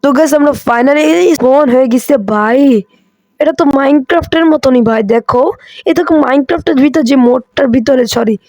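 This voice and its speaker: A hoarse man hosting a gaming channel, chatty and excitable as he comments on mobile gameplay, with English phrases mixed in. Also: very high voice, dry recording. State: hoarse, coughing.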